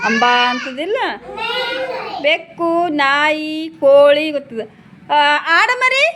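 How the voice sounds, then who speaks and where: A woman's voice: sits high, sing-song, takes it slowly. A woman with a North Karnataka accent teaching preschool children, coaxing them with questions and calling on them by name. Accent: North Karnataka Kannada. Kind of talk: classroom questioning of small children. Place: village preschool classroom. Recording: noisy classroom recording.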